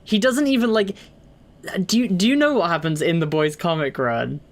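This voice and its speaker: Opinionated young man, slightly high voice. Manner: opinionated, swears casually, quick asides. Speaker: podcast co-host. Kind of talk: casual chat.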